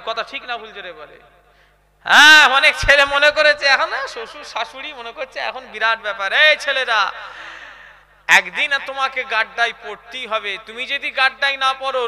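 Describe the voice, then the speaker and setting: A young man with a West Bengal Bengali accent preaching a live sermon. He keeps asking the crowd to answer him, and swings between quiet chat and loud, chanted outbursts. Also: extremely high pitch. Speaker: Islamic preacher. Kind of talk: live sermon at a religious gathering.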